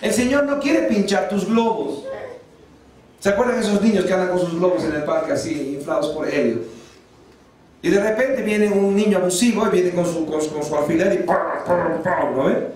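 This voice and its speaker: A man preaching a sermon as pastor, lively, asking the congregation questions and acting out little scenes. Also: high voice, normal speed, a little hiss or hum. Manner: lively preaching with acted-out voices and rhetorical questions. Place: church. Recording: echoey church hall, distant mic.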